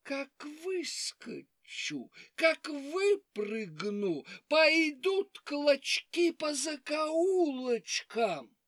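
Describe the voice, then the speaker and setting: Storybook fox, crafty and menacing, slow and hushed, voiced by a woman narrator. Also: high voice, big pitch swings, no room sound, studio quality, pitched above the performer's own voice, exaggerated voice. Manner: slow, hushed, drawn-out threats. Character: sly, menacing female fox.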